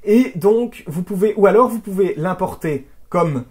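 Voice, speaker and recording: A video editing instructor giving a software tutorial, chatty, asking rhetorical questions and often restarting words. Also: mid-range voice, animated, a little slow. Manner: chatty, with frequent "hop", "voilà" and "hein" fillers; asks rhetorical questions and answers them.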